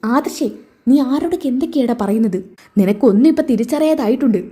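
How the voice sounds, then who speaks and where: A woman's voice: sits high, lively intonation, fast talker, warm tone, breathy edge. A woman voicing a harsh, domineering mother-in-law who scolds and threatens. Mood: threatening.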